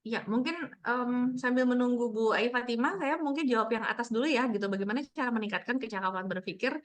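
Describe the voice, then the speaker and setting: Relaxed woman teaching over a video call. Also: fairly high pitch, a little fast. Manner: relaxed and reassuring, many fillers. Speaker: read-aloud workshop facilitator.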